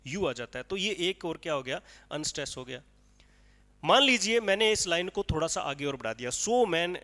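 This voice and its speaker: Bright-voiced man lecturing with rhetorical questions. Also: on the high side, in a large hall. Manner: explains with repeated rhetorical questions, counting aloud. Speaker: teacher. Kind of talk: classroom lecture on poetic meter.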